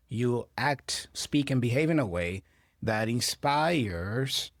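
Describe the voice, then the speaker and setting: Speaking with a Brazilian Portuguese accent, this native Portuguese speaker works as an English teacher, patiently explaining phrases from a clip to learners and checking in often. His voice sits at a medium pitch. It's a studio-quality recording without echo.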